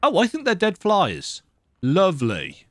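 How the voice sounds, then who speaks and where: Pitched high with huge swings up and down, this man talks a little slowly, and the recording carries no room sound. He's a gaming host with a bit of a cold, chatting casually and poking fun at himself while playing a horror game in his dark room at home with the lights off.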